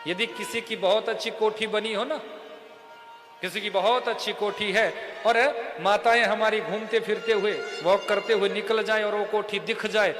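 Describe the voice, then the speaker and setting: A male preacher narrating a sacred tale in a devotional sermon, turning to his listeners with direct questions. His voice sits high for a man and rings with a long hall reverb, with music playing clearly underneath. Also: normal speed. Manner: lively, addresses listeners directly with rhetorical questions. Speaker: religious storyteller, preacher. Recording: echoey hall with music behind.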